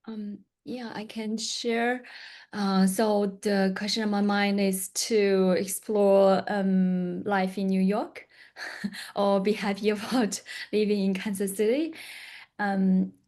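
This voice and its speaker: A woman from outside the US sharing in an online group, soft-spoken and hesitant, with many pauses and fillers. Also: mid-range voice, fairly even intonation. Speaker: workshop participant.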